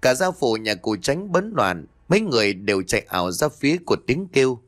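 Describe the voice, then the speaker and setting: A man narrating a ghost story dramatically. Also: brisk. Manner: dramatic, with lively pitch swings.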